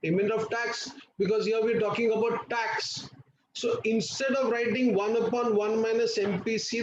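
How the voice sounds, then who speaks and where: Male teacher, Indian accent, high voice, insistent prompting, online lesson, muffled sound. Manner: insistent, repetitive, prompting students with questions and endearments. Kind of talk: live online class lesson. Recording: roomy, muffled, noisy online class audio.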